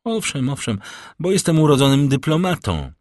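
A man reading an audiobook, voicing a greedy, excited young social climber who brags a lot. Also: on the high side, moderate pace, dry recording, clean studio sound, pitched above the performer's own voice. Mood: eager. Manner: bright, excited, boastful.

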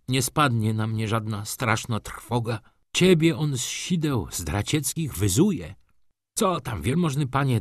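A man's voice: medium pitch, dry recording, clean studio sound. A man voicing a humble, pious railway lineman who pleads and consoles in a raised voice.

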